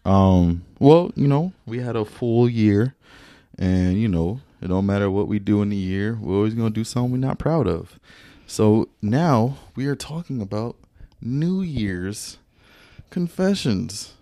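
A man in his twenties co-hosting a podcast in casual chat, playful and lively, often slipping into put-on voices. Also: fairly low pitch, moderate pace, no room sound, studio quality. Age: 20s. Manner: animated, playful, slips into voices. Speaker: podcast co-host.

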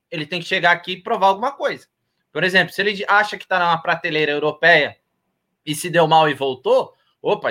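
Man, high bright voice, animated, explains with examples, football podcast. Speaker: podcast panelist. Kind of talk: casual football debate.

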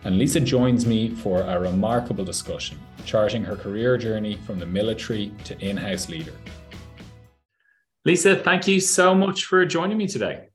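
Male podcast host, low-ish voice, chatty and friendly, echoey room with faint music. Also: expressive, moderate pace. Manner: friendly, chatty questioning with restarts. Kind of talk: interview hosting.

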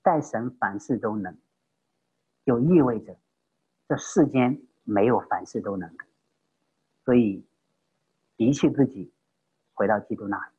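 A man preaching an evangelistic sermon with passion, swinging between loud emphatic peaks and hushed low phrases. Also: unhurried, pauses often, husky, muffled recording.

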